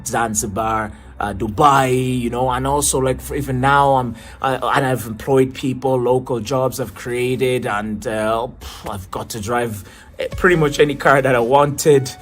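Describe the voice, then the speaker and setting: A man's voice: mid-range voice, fairly even intonation, a little slow. A man in his thirties from Tanzania, talking in a casual vlog monologue with many fillers and restarts. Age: 30s. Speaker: vlogger and marketing coach.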